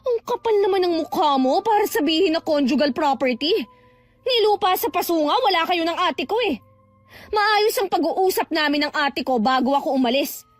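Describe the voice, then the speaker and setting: A woman's voice: extremely high pitch, lively intonation, normal speed, faint music behind. An actress playing a young woman who was cheated out of her house and angrily confronts her family. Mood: furious. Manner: confrontational, shouting accusations. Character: wronged young woman who worked abroad, furious.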